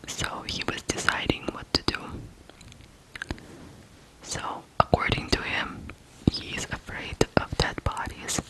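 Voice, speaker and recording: An ASMR host from Ukraine delivers a true crime narration softly and deliberately, pausing between short phrases, on a low-quality recording.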